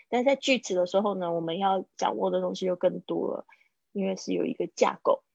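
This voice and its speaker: A woman teaching an English class over a live online call, patiently explaining and repeating example phrases slowly. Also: on the low side, gravelly, slightly rough, no echo. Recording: dull lo-fi dry stream audio.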